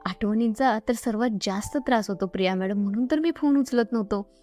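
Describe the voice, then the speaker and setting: A woman voicing a young man who sounds despairing and pleads softly. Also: a little high, fairly quick, faint music behind, close to an everyday voice.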